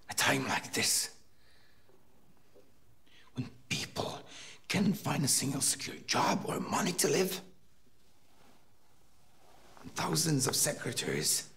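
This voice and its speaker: A contemptuous, misogynist boss in a film. His low, gravelly voice swings wildly in pitch, dropping to a hiss and then rising to a shout, with faint background noise. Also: exaggerated voice. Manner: sneering, berating, swings from hissed whispers to shouts. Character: contemptuous misogynist male boss, middle-aged. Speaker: boss interviewing a secretary.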